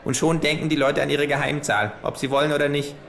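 A man's voice: fairly high pitch, steady tone, fast talker, gravelly, fairly bright tone, voice pushed up. A man voicing a cheeky, scheming male kangaroo who talks in a dry, laconic, mocking way.

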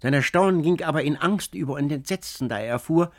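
A man reading a classic story aloud as narrator, expressive and measured. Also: on the high side. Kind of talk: literary audiobook narration.

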